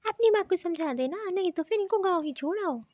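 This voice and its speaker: A woman's voice: very high-pitched, animated, brisk, darkish tone. A woman voicing a touchy young city daughter-in-law. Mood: irritated. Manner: curt, complaining. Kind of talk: cartoon voice acting. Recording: dull, dry lo-fi recording.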